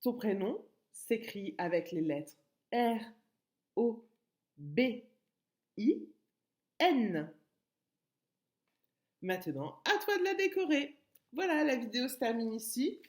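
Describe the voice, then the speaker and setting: Slow, sing-song woman teacher. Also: a little high. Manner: spells letters out slowly, lively sing-song rises. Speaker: preschool teacher. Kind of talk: slow, clear teaching to small children.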